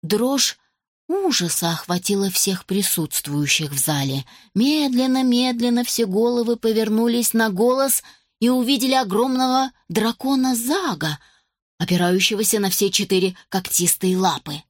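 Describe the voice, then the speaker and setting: Female storybook narrator, animated reading, dry studio feel. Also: on the high side, normal speed, dry recording. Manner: lively, expressive reading.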